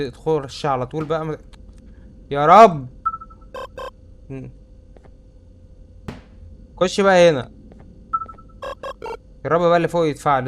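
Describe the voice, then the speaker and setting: A young man with an Egyptian Arabic accent, chattering through a horror game and saying he is scared. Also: mid-range voice. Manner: chatty, jumpy, easily spooked. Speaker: gamer. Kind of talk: let's-play commentary.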